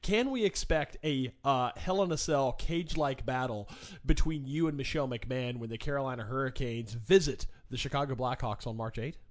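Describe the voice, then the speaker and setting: A man's voice: medium pitch, moderate pace. Playful male sports talk host. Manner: playful, rambling questions. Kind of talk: sports talk show hosting.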